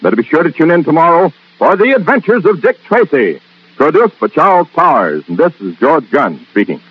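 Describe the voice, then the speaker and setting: A man pitches the evening's radio lineup with a lively, swinging delivery. His voice is slightly husky. The sound is dull and lo-fi, like an old 1940s broadcast transcription disc. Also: brisk. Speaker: radio network announcer. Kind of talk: promotional radio announcing.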